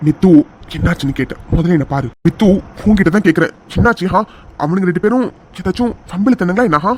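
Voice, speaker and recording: A caring but hot-tempered young cartoon hero, voiced by a man, with a high, loud voice that pushes urgently. He talks in an anxious, pleading way, and there is faint noise behind him. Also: quick pace, lightly acted. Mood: worried. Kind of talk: cartoon voice acting.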